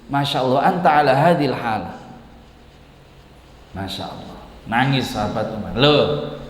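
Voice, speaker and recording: A man's voice: medium pitch, very animated, normal speed, slight background noise. A man with a Javanese accent teaching a religious study lecture, telling stories and mixing in Arabic recitation and Javanese asides. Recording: echoey hall with long reverb.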